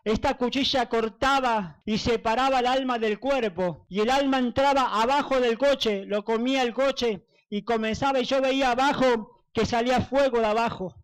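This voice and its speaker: A man's voice: very high-pitched, fairly even intonation, normal speed, few pauses, clean tone, poor audio. A male evangelist giving a fervent testimony sermon, repeating phrases for emphasis. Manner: fervent and repetitive.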